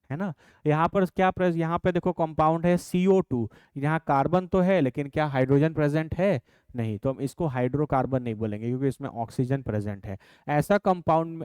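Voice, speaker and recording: Man, teacher, slightly high, clear, dry sound, slow dictation. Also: darkish tone, no echo. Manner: dictates definitions slowly, calls students "babu". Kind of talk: classroom chemistry lesson.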